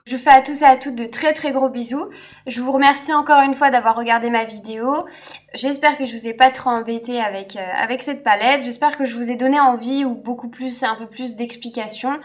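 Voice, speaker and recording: A woman's voice: a little high, fairly even intonation, brisk. A woman beauty vlogger giving a casual makeup review, chatty and enthusiastic, with frequent hesitant fillers. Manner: enthusiastic and friendly. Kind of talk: casual product review vlog.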